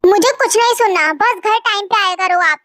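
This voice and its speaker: A woman's voice: extremely high pitch, a little fast, fairly bright tone, no echo, studio quality. A young woman voicing a short-tempered young woman who scolds bluntly, in a storybook reading. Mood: scolding. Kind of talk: storybook voice acting. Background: faint background music.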